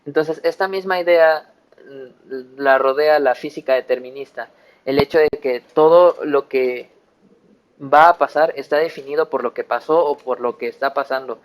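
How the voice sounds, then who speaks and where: A man's voice: medium pitch, normal speed, poor audio. Reflective Mexican man, informal explanation. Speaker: panel speaker in a philosophy discussion.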